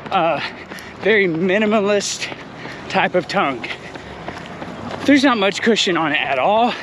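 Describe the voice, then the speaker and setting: A man giving a casual shoe review outdoors while running, speaking in short phrases. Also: high voice. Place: outdoors on a run in an urban area. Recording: outdoor noise with passing vehicles.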